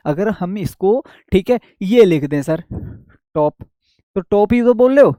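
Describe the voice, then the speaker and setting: Young guy w teaching grammar, asks himself questions n repeats stuff, mellow voice, dry close sound. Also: high voice, expressive, a little slow, no room sound. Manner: asks and answers his own questions, repeating key points. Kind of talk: online class lecture.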